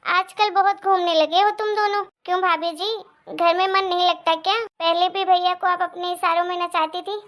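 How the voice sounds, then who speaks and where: Cartoon sister-in-law, bossy, sharp-tongued, high voice, a woman acting her. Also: fairly even intonation, moderate pace. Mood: mocking. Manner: sharp, scolding. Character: bossy, quick-tempered married sister-in-law.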